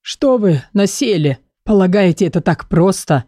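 A woman's voice: fairly low pitch, animated, dark tone, dry recording, clean studio sound. A woman doing a wheezy old book man. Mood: pompous, hesitant. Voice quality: husky, wheezy. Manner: slow, hesitant, hemming with pauses. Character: hoarse old male magic book, self-important. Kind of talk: audiobook character voice.

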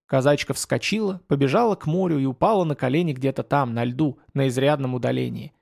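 A man reading a historical adventure novel aloud at a steady, descriptive pace. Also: medium pitch, fairly quick, gravelly. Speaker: audiobook narrator. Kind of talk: storybook narration.

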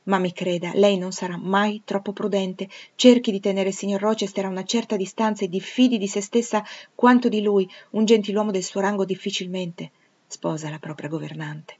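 A woman reading a cautious, worried elderly widow housekeeper, who gives earnest, measured warnings. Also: mid-range voice, fairly even intonation, a little mellow, lo-fi sound, close to an everyday voice.

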